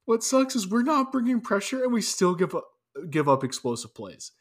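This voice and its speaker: A man's voice: high-pitched, very animated, moderate pace. A man co-hosting a casual sports podcast, talking loosely with restarts and wry asides. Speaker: podcast co-host.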